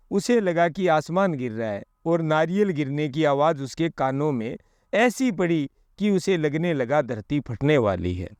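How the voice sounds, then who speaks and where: Slow, dry-voiced male storyteller. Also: a little high, a little mellow, no room sound. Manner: slow measured reading. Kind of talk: scripted children's story narration.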